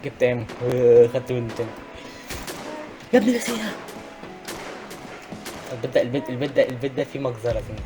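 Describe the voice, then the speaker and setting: A young man with an Egyptian Arabic accent giving excitable gameplay commentary, often shouting at enemies. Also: mid-range voice, rapid-fire, few pauses, music in the background. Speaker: gaming YouTuber.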